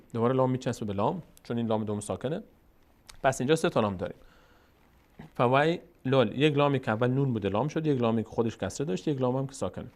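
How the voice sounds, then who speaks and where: Male Quran reading teacher, methodical, mid pitch, drawls syllables as examples. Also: darkish tone. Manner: methodical, spells out and slowly drawls syllables to model them. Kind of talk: step-by-step Quran reading lesson.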